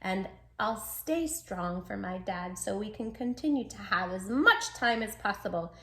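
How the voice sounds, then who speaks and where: Voicing a plucky little male dachshund who earnestly and dramatically recounts his own story, a woman reads a children's book aloud in a plucky, reassuring mood. She has a mid-range voice with lively intonation, a measured pace and a bright, forceful tone.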